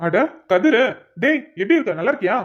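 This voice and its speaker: A woman's voice: a little high, very animated, brisk. A woman voicing a male friend in a cartoon who complains and teases in banter. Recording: dull lo-fi recording.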